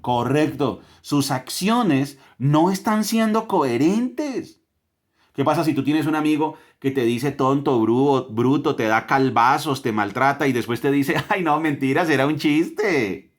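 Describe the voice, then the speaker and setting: A man's voice: mid-range voice, expressive, a little slow. Emphatic Colombian man teaching scripture. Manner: emphatic, asks rhetorical questions and stacks repeated phrases. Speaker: father teaching a family Bible lesson. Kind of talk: family devotional teaching.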